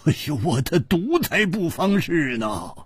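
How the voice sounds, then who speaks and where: A man doing a frantic hot-headed swordsman, shouting high. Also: very animated, measured pace, husky, no echo, studio quality, exaggerated voice. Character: hot-tempered male swordsman, frantic with worry. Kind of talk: traditional storytelling.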